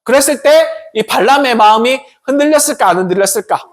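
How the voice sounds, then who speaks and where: A man preaching a lively story sermon to students, often asking them questions. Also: very high-pitched, fairly quick. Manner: animated storytelling with questions to the audience. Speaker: pastor.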